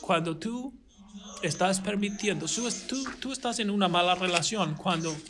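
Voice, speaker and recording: A male pastor preaching a sermon, retelling a Bible story with animated storytelling and emphatic, restarting phrases. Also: high voice, normal speed, background noise. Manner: animated storytelling, acting out the characters' dialogue.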